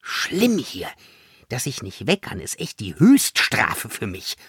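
A man's voice: lowish voice, huge pitch swings, slow, fairly bright tone, husky, no room sound, studio quality, exaggerated voice. A man voicing a grumpy, sarcastic young girl villain in an audiobook. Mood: sulky. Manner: sarcastic, disgusted, drawling.

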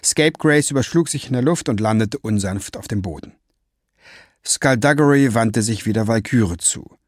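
A man reading a story aloud as audiobook narrator in a steady, even manner. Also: medium pitch, moderate pace, dry recording, studio quality. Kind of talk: scripted narration.

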